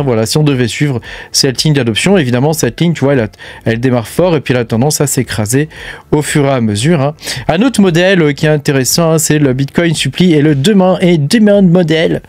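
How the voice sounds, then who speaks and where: With a somewhat high, darkish voice in a dry recording, this man hosts a crypto channel. He runs a relaxed screen-share walkthrough, addressing the viewer in a chatty, familiar way. Hesitations like "hein" and "euh" fill almost every phrase.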